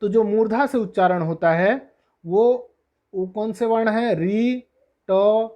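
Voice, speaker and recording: A teacher walks through letter sounds at an unhurried, measured pace, saying each letter on its own. Questions come up and get answered right away, and English glosses sit among the terms. The pitch stays at an ordinary middle height. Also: lo-fi sound. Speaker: Sanskrit teacher. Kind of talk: classroom-style lesson explanation.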